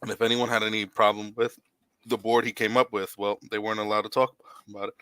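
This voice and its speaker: A man's voice: on the low side, flat delivery, fast, pushed and bright, smooth, dry recording. A man hosting a podcast in casual sports chat, opinionated and rambling with many restarts, recorded close on a dry mic. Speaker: podcast host.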